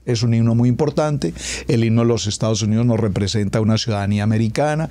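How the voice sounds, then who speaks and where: A middle-aged man preaching a radio sermon as a pastor, emphatic, stretching key words and dropping to a hush at climaxes. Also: mid-range voice, quick pace. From Colombia.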